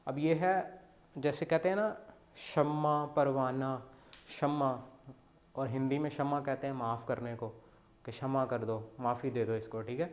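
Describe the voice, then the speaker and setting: A man's voice: medium pitch, steady tone, unhurried. A man teaching beginner Chinese, who explains step by step and often checks in with his students. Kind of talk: beginner language lesson.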